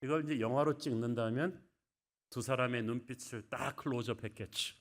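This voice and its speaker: A male pastor preaching a sermon in a church, emphatic, with dramatic swings from soft to loud. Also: mid-range voice, brisk. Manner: emphatic, dramatic rises and drops in volume. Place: church sanctuary.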